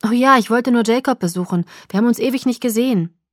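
A woman's voice: on the high side, fast, dry recording, voice pushed up, close to an everyday voice. A woman reading the dialogue of an earnest young woman in an audiobook, close to her own voice. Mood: eager.

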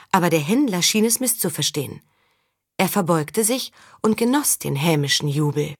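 A woman reading a historical novel aloud in calm, even storytelling. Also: lowish voice, husky, dry recording, clean studio sound. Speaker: audiobook reader. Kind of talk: scripted narration.

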